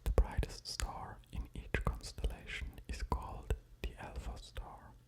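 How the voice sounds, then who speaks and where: Up close on an ear-to-ear stereo mic, a man delivers whispered ASMR in a soft, breathy unvoiced whisper. He muses slowly and hesitantly, drifting into asides.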